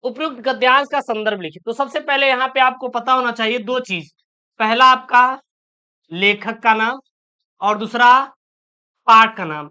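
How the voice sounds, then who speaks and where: Man, exam-prep teacher, smooth clear voice, repeats answers slowly, reassuring. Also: extremely high pitch, pushed and bright. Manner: reassuring, repeats key answers slowly, asks and answers own questions. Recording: dull lo-fi sound.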